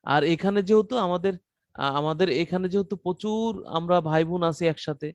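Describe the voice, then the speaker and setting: A man teaching an online class in a loose, conversational way, often pausing to rephrase. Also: high voice, a little mellow, dry recording, dull audio. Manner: conversational teaching with frequent fillers and restarts. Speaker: content writing trainer.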